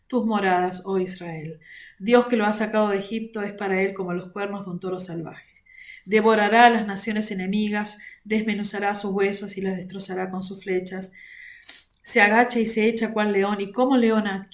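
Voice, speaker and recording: Argentine woman teaching scripture online, calm and measured, fillers here and there, computer mic. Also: medium pitch. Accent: Argentine Spanish. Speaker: prayer ministry coordinator teaching a class. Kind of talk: online Bible lesson. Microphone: computer mic on a video call.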